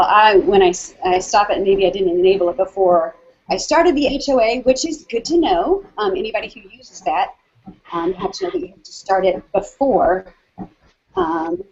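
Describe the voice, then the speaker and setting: Husky woman on a lo-fi video call. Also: medium pitch, lively intonation, normal speed, a little mellow. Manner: chatty, many ums and restarts. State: slightly out of breath from walking. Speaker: hangout host. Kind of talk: casual video call chat. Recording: dull lo-fi video call audio.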